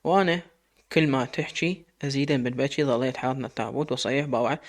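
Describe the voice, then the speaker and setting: Iraqi guy telling a sad story real fast, emotional, mid pitch. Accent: Iraqi Arabic. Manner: rapid, emotional retelling with quoted dialogue. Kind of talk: first-person dramatic storytelling.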